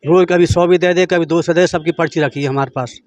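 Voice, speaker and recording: Halting rural man, fairly high voice. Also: fairly even intonation, darkish tone, muffled recording. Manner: halting, broken rural speech. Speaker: fraud victim interviewed.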